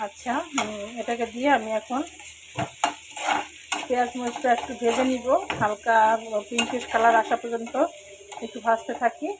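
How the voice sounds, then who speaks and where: Hoarse lady cooking vlog host, kinda high voice, explains every step, loud sizzling pan in the background. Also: little pitch movement, moderate pace, long pauses. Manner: talks viewers through each step, mixing in English words. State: hoarse, throat trouble. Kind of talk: casual cooking narration. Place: home kitchen. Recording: sizzling pan noise behind.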